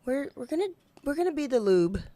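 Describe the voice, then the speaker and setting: A Southern American woman with a fairly high voice banters casually as a podcast co-host. The sound is very dry, with no room around it. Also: sing-song, brisk, dark tone, no room sound.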